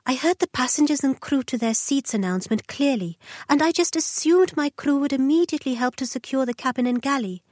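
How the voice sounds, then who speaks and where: A woman playing a conscientious, apologetic flight attendant in a scripted lesson dialogue, careful and clearly enunciated. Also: sits high, animated, a little fast, hardly any pauses, darkish tone, no room sound, clean studio sound. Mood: apologetic, earnest.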